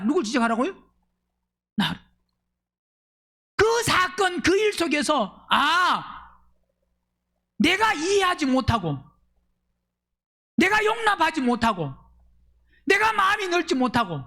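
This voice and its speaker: A man preaching a Sunday sermon as pastor, firing questions at the congregation and swinging between loud emphatic bursts and low asides. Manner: fires rhetorical questions at the congregation.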